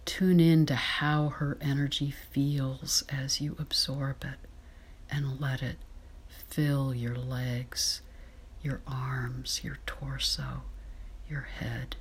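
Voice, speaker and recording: Speaking in a soft, breathy whisper, a woman leads a meditation. Her very low voice has a husky, airy quality and drifts along unhurriedly, staying calm and soothing the whole time.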